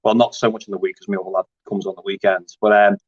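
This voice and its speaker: A man's voice: on the low side, little pitch movement, quick pace, no room sound. A man, chatting casually in an interview about his grappling, rambling with lots of fillers and restarts. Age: 30s. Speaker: grappling competitor. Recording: dry, dull lo-fi audio.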